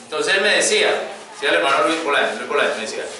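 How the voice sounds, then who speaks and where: Bright-voiced man preaching in echoey church. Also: a little high, lively intonation, very fast, a little hiss or hum. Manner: chatty storytelling with frequent fillers and rhetorical "¿cierto?". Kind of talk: conversational sermon. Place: church hall. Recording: echoey church hall from far off.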